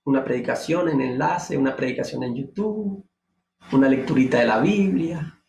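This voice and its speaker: A man preaching a devotional sermon, asking emphatic rhetorical questions and rising to high exclamations. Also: normal speed, vocal fry, darkish tone. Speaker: pastor. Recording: echoey room.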